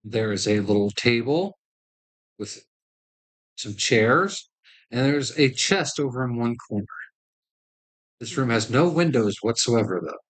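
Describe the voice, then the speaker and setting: A game master with a medium-pitched voice narrates a tabletop role-playing game. The delivery is that of live play, setting scenes and calling for rolls. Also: animated, a little slow, pauses often, rough recording. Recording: livestream group game session.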